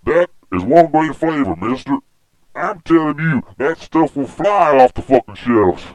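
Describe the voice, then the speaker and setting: Brash Texan boss, put on by a man: booming folksy drawl, a touch high, dead-dry sound. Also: expressive, unhurried, darkish tone, no room sound.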